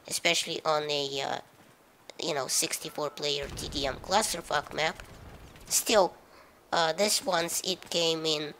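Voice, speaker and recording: A low, gravelly woman's voice with a Russian accent narrates gameplay commentary. She talks in a dry, sarcastic way, pausing often with filler sounds. Her delivery is hesitant. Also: fairly bright tone, a little hiss or hum, rough recording. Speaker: gaming commentator.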